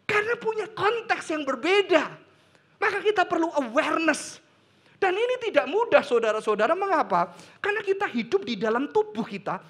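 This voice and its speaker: A middle-aged pastor from Indonesia preaching a sermon in an animated way, slipping in English phrases and casual slang. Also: male voice, very high voice.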